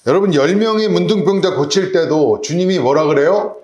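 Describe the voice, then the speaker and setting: A man's voice: a little high, a little fast, a little mellow, echoey room. A man preaching a sermon as pastor, asking his congregation rhetorical questions. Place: church sanctuary.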